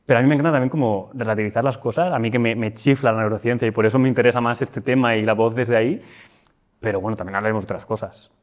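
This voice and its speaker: Man host, mid pitch, chatty and enthusiastic. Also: very fast. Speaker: podcast host. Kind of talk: interview host.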